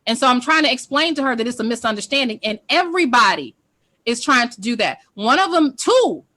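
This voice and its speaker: A woman's voice: high-pitched, pushed and bright. A woman talking on a casual group call, defending herself with emphatic, profane storytelling.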